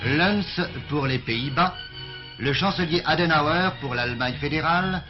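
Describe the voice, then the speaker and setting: A man's voice: a little high, unhurried. Man, old newsreel narration, stately announcing, music under, muffled archive sound.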